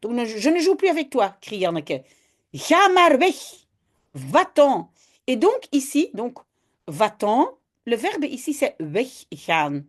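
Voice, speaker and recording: A woman's voice: a little high, very animated, a little slow, a little mellow. A woman from Belgium, patiently teaching Dutch step by step in an online lesson and often adding "hein".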